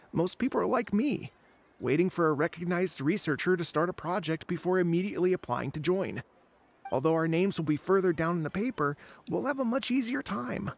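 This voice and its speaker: Creaky, higher-pitched slacker researcher. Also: male voice, exaggerated voice. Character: idle young male researcher, casual, unmotivated excuse-maker. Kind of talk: video game dialogue acting.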